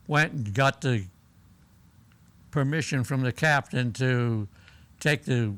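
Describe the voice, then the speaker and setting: An elderly American man, a war veteran, remembering his service in halting, plain-spoken stories as he is interviewed. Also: medium pitch, fairly bright tone, clear, resonant tone. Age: elderly, 80s or older. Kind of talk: unscripted oral-history reminiscence.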